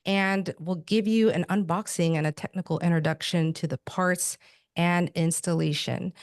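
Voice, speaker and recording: A woman's voice: lowish voice, steady tone, moderate pace. A woman hosting a business webinar, upbeat and playful, joking with her guests. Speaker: webinar host.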